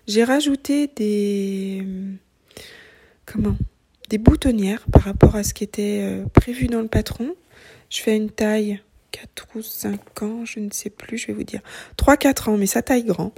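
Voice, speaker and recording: A woman in her thirties chatting casually about her knitting in a vlog, soft-spoken and often drifting into a whisper. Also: mid-range voice, vocal fry, slightly rough. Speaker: knitting vlogger. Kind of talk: casual chat.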